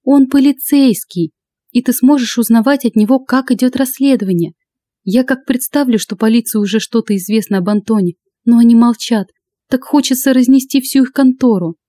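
A woman reading an audiobook, voicing a sharp-tongued young woman friend who speaks fiercely. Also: fairly high pitch, moderate pace, no echo, voice pushed up, natural voice. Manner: fierce, hissing.

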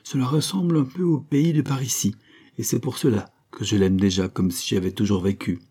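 A man reading aloud voices a gentle, earnest young man who speaks calmly and steadily. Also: fairly low pitch, brisk, slightly rough. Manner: calm, gentle delivery.

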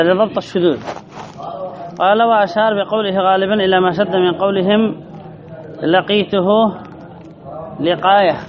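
A man teaching a grammar lesson, reading a line then explaining it, repeating phrases and asking his listeners questions. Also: sits high. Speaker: sheikh teaching Arabic grammar. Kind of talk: classroom lesson explaining a text. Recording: dull lo-fi recording with audience noise.

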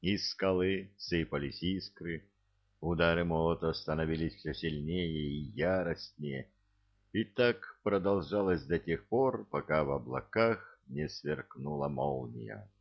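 A man narrating an audiobook in a measured, dramatic storytelling manner, in a dull lo-fi recording. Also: deep voice, lively intonation, creaky. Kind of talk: audiobook reading.

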